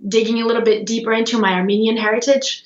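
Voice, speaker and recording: Young woman from Russia, relaxed guest answers, echoey lo-fi video-call audio. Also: fairly high pitch, fast talker. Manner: relaxed, with many ums and you-knows. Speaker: guest musician. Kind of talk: casual interview answers. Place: small room at home, indoors. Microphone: video call with earbud headset.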